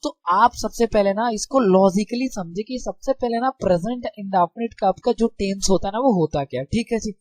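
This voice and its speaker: A man's voice: high-pitched, normal speed, few pauses. A young male teacher explains a lesson in an easygoing, chatty way. He keeps throwing rhetorical questions back at his students and checking they follow. His voice sounds close and dry, with no room echo. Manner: friendly and informal with students. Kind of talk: casual classroom explanation.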